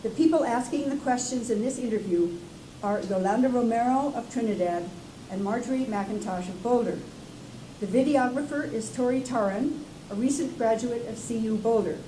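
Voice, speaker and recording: Fairly high woman reading an introduction. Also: dark tone. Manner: measured, formal reading. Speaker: interviewer. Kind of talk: read-out introduction. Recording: echoey room with background noise.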